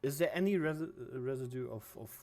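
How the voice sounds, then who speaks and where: A man's voice: medium pitch, quick pace, darkish tone. A man chatting casually as a player in a tabletop game, often hesitating and restarting.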